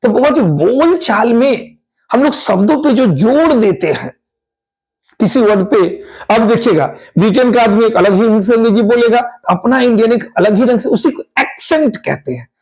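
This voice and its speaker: A man's voice: extremely high pitch, expressive, normal speed, darkish tone, low-quality recording. A man teaching an exam-prep English grammar lesson, drawing out his explanations and asking his students repeated questions.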